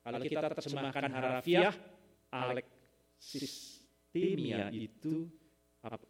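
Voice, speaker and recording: A man's voice: mid-range voice, takes it slowly. A man preaching a sermon, addressing the congregation with rhetorical questions, often tagging lines with a questioning "ya" and rising into sudden emphatic bursts. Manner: animated, sudden loud emphatic rises.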